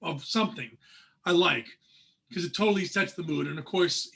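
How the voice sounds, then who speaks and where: A man's voice: fairly high pitch, normal speed, creaky, bright, forceful tone, breathy edge. A man in his forties co-hosting a casual music podcast, talking eagerly in rambling bursts full of fillers and restarts. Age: 40s. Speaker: podcast co-host. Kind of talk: casual chat.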